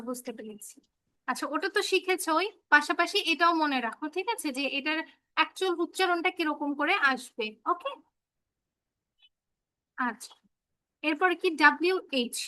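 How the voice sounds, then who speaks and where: A woman's voice: sits high, pushed and bright, dry recording. A woman teaching children English phonics in an online class, patiently repeating example words and checking that they follow.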